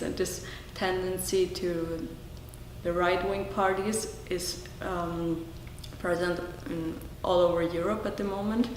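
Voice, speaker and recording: A young woman with a slightly low voice gives measured, thoughtful answers. She sits away from the microphone in an echoey hall with a long reverb, over faint background noise. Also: far from the mic. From Austria. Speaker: German language teaching assistant. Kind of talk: interview answers.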